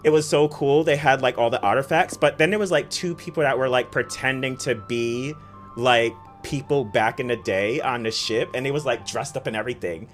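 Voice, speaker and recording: A gaming streamer chatting casually while playing, telling stories excitedly and talking to the chat. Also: medium pitch, normal speed, soft background music. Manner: excitable, giggly storytelling, talks to chat.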